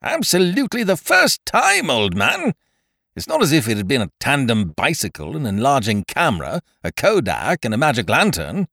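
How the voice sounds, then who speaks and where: A man's voice: medium pitch, huge pitch swings, normal speed, vocal fry, bright, forceful tone, dry recording, studio quality, pitched above the performer's own voice, exaggerated voice. A man voicing an aggrieved, blustering young male scrounger who talks querulously and with heavy emphasis.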